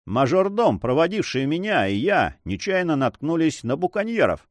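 Ironic young nobleman, voiced by a male narrator, bantering and lively, storybook hero. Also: fairly high pitch, normal speed, no room sound, clean studio sound. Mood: earnest. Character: teasing, carefree young nobleman, Don Sancho.

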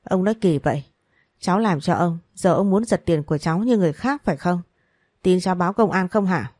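A young working woman, worried for her sick brother, pleads urgently and politely, as a woman reading the story voices her. Her tone is mellow and fairly low. The recording is dry and close. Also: a little fast, dry recording, natural voice. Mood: angry. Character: desperate young woman worker, pleading daughter.

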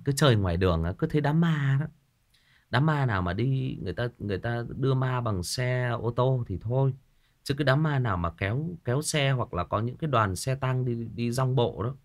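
A man, hosting a livestream, chatting casually with viewers and telling childhood stories. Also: mid-range voice. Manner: animated, chatty, addresses viewers and answers comments. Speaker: livestream host.

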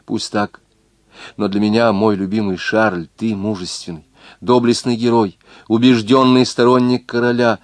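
A devoted young noblewoman in love, speaking with fervent tenderness, as a deep-voiced male reader puts her on. The sound is close and dry, with no room around it. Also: dry recording, lightly acted. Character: young noble woman, devoted, passionate lover. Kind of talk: audiobook reading of a novel.

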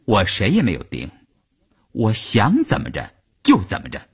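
A man's voice: fairly low pitch, huge pitch swings, moderate pace, husky, exaggerated voice. A man voicing a proud, stubborn young pregnant wife who answers back defiantly. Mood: cold defiant. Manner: defiant, loud retorts.

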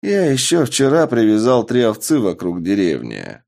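A man's voice: lowish voice, wildly swooping pitch, moderate pace, creaky, darkish tone, full character voice. A man voicing a sardonic vampire. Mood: dry. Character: eccentric sardonic male vampire.

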